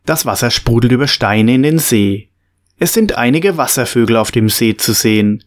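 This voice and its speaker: A man reading a storybook aloud in a calm, steady and clearly spoken way. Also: mid-range voice, normal speed. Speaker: narrator. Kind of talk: scripted storybook narration.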